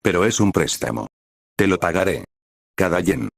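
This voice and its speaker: A man reading the lines of a cheerful, determined teenage hero girl in an even, unchanged voice. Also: deep voice, normal speed, vocal fry, no room sound, studio quality, heavily acted. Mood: earnest. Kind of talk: scripted fanfic reading.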